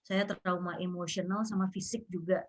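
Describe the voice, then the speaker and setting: A woman's voice: steady tone, moderate pace, darkish tone. A woman, earnestly telling her own painful experience as an interview guest, acting out what people said. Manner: earnest, acts out quoted dialogue with rising pitch. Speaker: guest sharing a personal story. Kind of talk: emotional personal storytelling.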